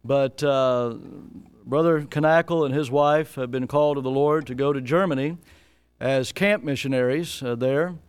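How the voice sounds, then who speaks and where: A man's voice: mid-range voice, unhurried, smooth, dry recording. A man, the pastor, introducing a guest missionary to his church in a folksy, joking way with frequent uh's.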